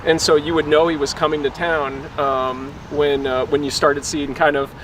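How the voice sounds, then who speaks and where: A man, a local resident, chatting casually and explaining at length, relaxed and full of fillers like "like" and "you know". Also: on the high side, normal speed. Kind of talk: casual chat. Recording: outdoor street recording with traffic noise.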